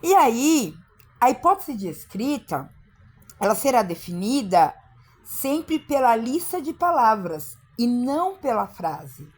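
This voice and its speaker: A woman explains classroom practice to teachers in a firm, emphatic way. Her voice sits in a middle pitch. She slips into short acted exchanges between teacher and child. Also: a little mellow. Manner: emphatic, acts out classroom dialogues. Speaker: teacher trainer. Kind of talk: instructional talk for teachers.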